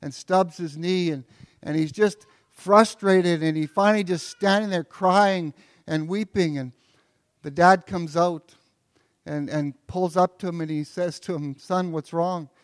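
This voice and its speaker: A man's voice: sits high, a little slow, no room sound, clean studio sound. A pastor preaching an earnest sermon, often repeating words as he builds toward a point.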